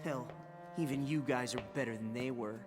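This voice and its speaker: A man's voice: mid-range voice, moderate pace, close to an everyday voice. An actor voicing a cocky teenage male swordsman gamer who talks in a boastful, scornful way, heard in an anime clip. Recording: anime clip with reverb and music.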